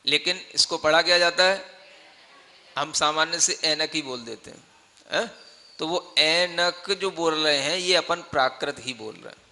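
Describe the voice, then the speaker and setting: A man's voice: fairly high pitch, unhurried, bright, forceful tone. A man, a monk, teaching grammar from scripture in a patient classroom style, explaining with everyday examples and often asking the listeners whether they follow. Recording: long reverb of a hall.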